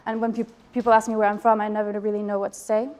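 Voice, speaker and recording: A woman's voice: mid-range voice, level tone, fast talker, a little mellow. A woman from the Geneva border area with an indeterminate mix of English and French in her accent, giving a hesitant, reflective talk to an audience about her photography project. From Geneva border area, Switzerland/France. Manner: hesitant, many ums, reflective.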